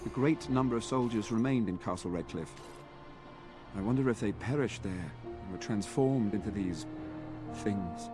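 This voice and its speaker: An actor playing an earnest, weary knight in a video game, speaking in formal, courtly phrases. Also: male voice, on the low side, moderate pace, music in the background, natural voice. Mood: solemn. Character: earnest knight sworn to a noble lord, weary and dutiful. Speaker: game character.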